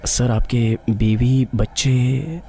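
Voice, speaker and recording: An attentive officer in a dubbed film who listens patiently and asks quiet questions. His voice is mellow and even, with a soft concern. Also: medium pitch, drawn-out words, gravelly, a little hiss or hum. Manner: gentle, questioning.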